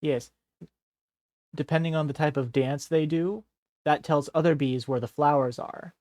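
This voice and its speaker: A man's voice: fairly high pitch, steady tone, moderate pace, darkish tone, no echo, clean studio sound. A man streaming a game, chatting casually and explaining things patiently in simple steps. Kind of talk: casual gameplay chat.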